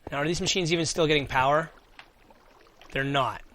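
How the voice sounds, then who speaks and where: A man's voice: fairly high pitch, a little fast, background noise. A man giving casual gameplay commentary as host, thinking aloud and answering his own questions as he goes. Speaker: gaming video host.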